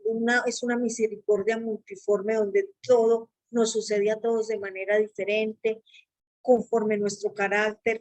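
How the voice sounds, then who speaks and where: A woman giving an earnest personal faith testimony, acting out her own remembered thoughts with sudden jumps in pitch. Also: darkish tone, low-quality recording.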